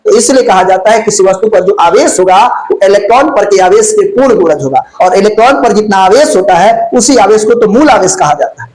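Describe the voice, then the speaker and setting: Speaking in a high, darkish voice over poor audio, a man runs a physics exam-prep lesson. He's folksy and chatty, and he tends to answer the very questions he asks. The setting is a classroom with the lights on and insects flying around.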